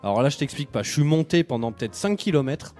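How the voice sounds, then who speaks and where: Lively male storyteller, slangy and chatty, faint music bed. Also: mid-range voice, quick pace. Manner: animated, slangy, acts out people he met. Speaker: podcast host telling a road trip. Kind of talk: casual storytelling chat.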